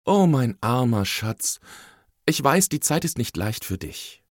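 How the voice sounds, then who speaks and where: A man voicing a patient, caring mother who speaks softly and soothingly in a storybook reading. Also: mid-range voice, big pitch swings, moderate pace, no echo, studio quality. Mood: gentle. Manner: soft and soothing, briefly stern.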